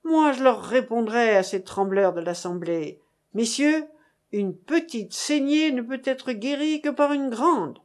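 A woman voicing a pompous old man, a revolutionary judge who blusters loudly, then drops to anxious whispers. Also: very high-pitched, animated, unhurried. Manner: bombastic, swinging between bluster and whispers.

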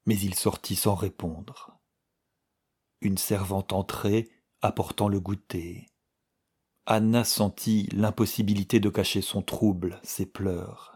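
A man reading a novel aloud as narrator, in a measured, subdued way. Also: fairly low pitch, little pitch movement, a little mellow, breathy edge. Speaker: audiobook reader. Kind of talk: scripted narration.

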